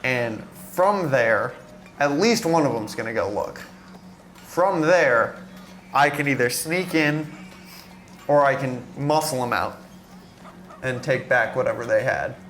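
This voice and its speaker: A man's voice: medium pitch, lively intonation, takes it slowly, pauses often, a bit bright, faint music behind. Easygoing man playing a tabletop game. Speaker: player. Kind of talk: casual tabletop game play.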